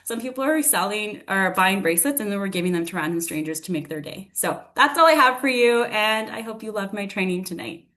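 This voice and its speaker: A woman's voice: mid-range voice, animated, a little fast, few pauses, fairly bright tone. A woman finishing a motivational team training on a video call, encouraging and loose with her words.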